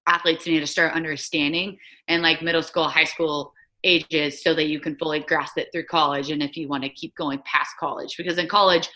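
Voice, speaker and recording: In a casual remote interview via video call, a young woman in her twenties who used to play soccer chats as a guest, peppering her talk with "like." Her voice is low, steady and sharp, a little fast, with hardly any pauses.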